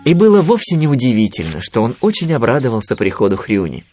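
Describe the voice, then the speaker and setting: Expressive male storyteller. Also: mid-range voice, quick pace, soft background music. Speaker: narrator. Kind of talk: children's story reading.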